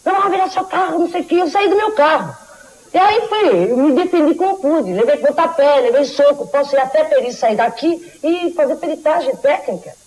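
A middle-aged woman from Argentina talks in a high voice, rushed and indignant, piling up her account. She speaks on a lapel mic in a television studio. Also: lively intonation, darkish tone, rough recording. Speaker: retired athlete giving testimony. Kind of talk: studio testimonial.

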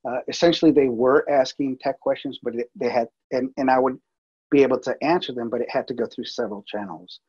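A man's voice: mid-range voice, steady tone, a little fast, a little mellow, slightly rough, muffled recording. A man presenting a workflow over slides in a webinar, talking casually with many fillers and restarts. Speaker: multimedia producer presenting.

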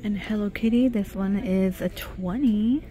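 A woman's voice: mid-range voice, measured pace, warm tone, soft background music. A middle-aged woman narrating a casual shop-with-me vlog in a department store, reading out product names and prices as she browses. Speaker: shopping vlogger. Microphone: handheld phone camera.

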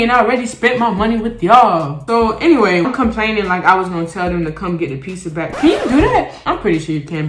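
Young woman vlogger, low voice, casual frank chatter while chewing, echoey room. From Florida, USA. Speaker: mukbang vlogger. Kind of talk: casual chat while eating.

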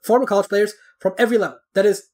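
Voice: medium pitch, fairly even intonation, very fast, a little mellow. A podcast guest in casual chat, explaining at length with many fillers and restarts.

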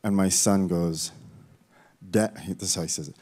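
A man's voice: low voice, fairly even intonation, normal speed, darkish tone. A man talking from the stage at a folk concert in rambling, self-deprecating banter full of fillers, with guitar behind him. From Canada. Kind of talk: relaxed stage banter between songs. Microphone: stage vocal mic. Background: guitar playing.

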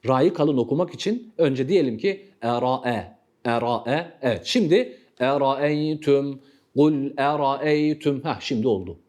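A man with a Turkish accent gives a tajweed lesson in a patient, measured way. He drawls each demonstrated word slowly and repeats it several times, then explains briskly. His pitch sits in the middle range for a man. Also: lively intonation, a little mellow. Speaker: Quran recitation teacher.

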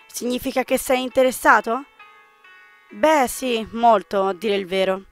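A woman voicing a sorrowful, gentle young man in a visual novel, soft and wistful. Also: fairly high pitch, a little slow, soft background music.

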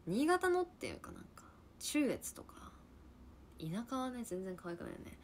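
A young woman in her twenties from Niigata, Japan, hosting a casual livestream chat and answering viewers with quick reactions and frequent laughter. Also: a little high, huge pitch swings, darkish tone, slight background noise. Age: 20s. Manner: chatty, reacts to comments, laughs often. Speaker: livestream host chatting with viewers.

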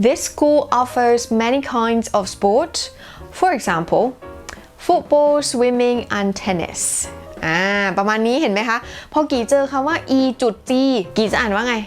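A woman's voice: on the high side, fairly quick, hardly any pauses, a bit bright, faint music behind. A woman hosting her own channel, teaching English in a bilingual lesson with a chatty, playful, self-teasing manner and careful model sentences.

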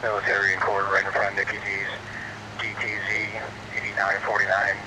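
A man's voice: fairly low pitch, completely flat delivery, a little fast. A man responder calling out codes over a police scanner radio. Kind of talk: flat radio call-outs. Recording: radio static, loud background noise.

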